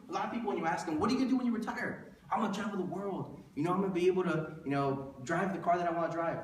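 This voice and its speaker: Before an audience in an indoor room, a man of thirty with a slightly high voice makes a motivational business-plan pitch in a conversational style. He poses rhetorical questions and repeats himself to drive points home, and the recording is echoey, distant-miked and faintly noisy.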